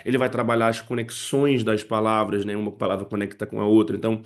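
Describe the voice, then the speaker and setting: In a lowish, flat voice at a quick pace, a man talks parents and teachers through using poetry in English teaching. He explains each step in turn and frequently checks in with "né" and "tá."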